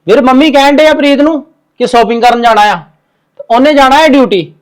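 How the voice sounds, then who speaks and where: A man acting as a stubborn younger son who keeps bickering with his family. His voice sits very high for a man, and the words tumble out fast and argumentative. It is a family drama scene. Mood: sullen. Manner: argumentative, sulky.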